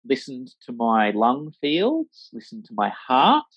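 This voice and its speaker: A man's voice: medium pitch, wildly swooping pitch, takes it slowly, slightly rough, dry recording. A man who works as a vet, chatting casually in an interview with a rambling, filler-heavy manner and acting out the voices he quotes. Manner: acts out voices when quoting. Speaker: veterinarian, interview guest. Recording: slightly dull, dry lo-fi recording.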